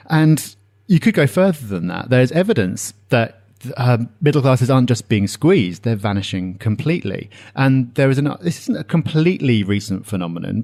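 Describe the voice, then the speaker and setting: Male podcast co-host, conversational and explanatory, mid-pitched voice, steady reads of numbers. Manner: explanatory, citing figures with some filler ums. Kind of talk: casual podcast discussion.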